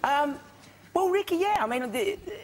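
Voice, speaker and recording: A young man, a talk show guest, chatting and telling animated stories in a television studio. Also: extremely high pitch, normal speed, slight background noise. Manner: animated storytelling with laughs. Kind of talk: casual chat.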